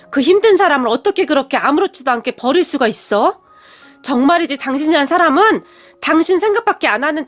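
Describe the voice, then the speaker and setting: A woman's voice: high-pitched, a bit bright. A woman voicing a cold, resentful grown son who answers in a clipped, icy way.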